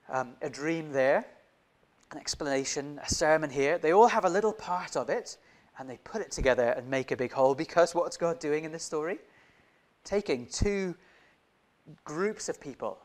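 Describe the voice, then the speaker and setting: A young man from Indonesia preaching in a church on a lapel mic. His voice sits a little high for a man, and he moves through the sermon with animated delivery and frequent direct questions to the listeners. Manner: animated, gestures broadly, many rhetorical questions. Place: church hall, indoors.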